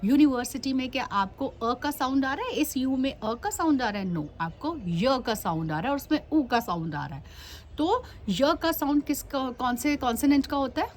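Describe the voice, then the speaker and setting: A woman's voice: high voice, expressive, moderate pace. A woman teaching English grammar to children, asking questions and answering them herself, mixing English phrases into her Hindi.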